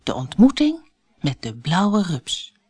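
A woman's voice: on the low side, takes it slowly, over loud music. A woman from the Netherlands narrating a fairy tale audiobook for children. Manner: expressive, storybook narration. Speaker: storyteller.

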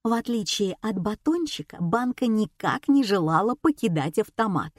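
A woman narrating a comic story in the first person, with a lively, expressive reading. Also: mid-range voice, moderate pace, dry recording, clean studio sound. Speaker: audiobook narrator.

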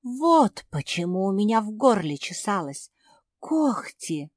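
A woman voicing an eager, excitable young female pug who asks questions quickly. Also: medium pitch, dry recording, studio quality.

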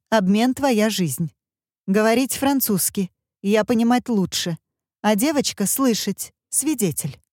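Woman voicing a determined foreign heroine, halting speech. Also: mid-range voice, darkish tone, dry recording, clean studio sound, pitched above the performer's own voice. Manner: halting, broken grammar. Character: determined English woman speaking broken foreign words.

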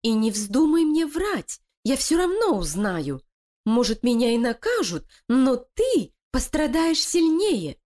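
A woman's voice: sits high, big pitch swings, slow, darkish tone, voice pushed up, exaggerated voice. A woman voicing Lilia, a sly, scheming female animal who talks in a cold, threatening, commanding way.

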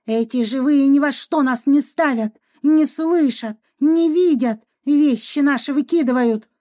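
A furious old peasant ghost woman, put on by a female narrator shrieks and scolds in a raised, piercing voice. She yells her complaints with a mellow, soft tone underneath. It sounds like an audiobook reading. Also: measured pace. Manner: shrill, scolding, yelling.

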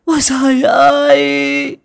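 A man putting on a shrill wailing village woman. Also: monotone, gravelly, heavily acted. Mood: fake wailing. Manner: shrill sobbing wails, drawn-out cries. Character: scheming village woman wailing fake grief.

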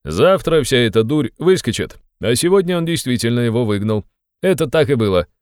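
A man playing a loud, drunken, excitable young friend. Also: sits low, moderate pace, smooth, no room sound, clean studio sound, lightly acted. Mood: agitated, loud. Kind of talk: audiobook character voice.

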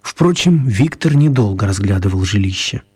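A man narrates a children's radio story in a wry, confiding manner, using expressive, deliberate phrasing and dramatic pauses. His voice is lowish with a breathy edge.

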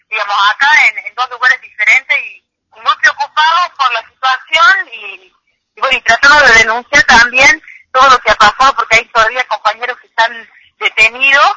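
A woman's voice: fairly high pitch, sharp tone. A woman, calling in as an activist and giving testimony hesitantly, with many fillers. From Chilecito, Argentina. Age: 30s. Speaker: activist caller. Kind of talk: phone interview testimony. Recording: muffled noisy phone line.

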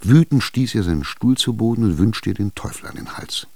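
A man narrating a classic story in an expressive, scripted radio drama reading, close to the mic. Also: on the low side, brisk, breathy edge, no room sound.

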